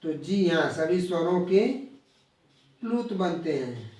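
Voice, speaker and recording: A man teaching a grammar lesson live, explaining slowly and repeating key terms while drawing out the example sounds. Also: on the high side, lively intonation, darkish tone. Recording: very echoey room, voice from far off the mic.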